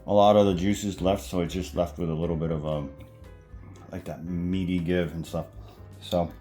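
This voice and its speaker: A man's voice: low voice, fairly even intonation, moderate pace, warm tone, faint music behind. A man casually chatting through a home cooking demo in his kitchen, rambling and correcting himself with lots of fillers.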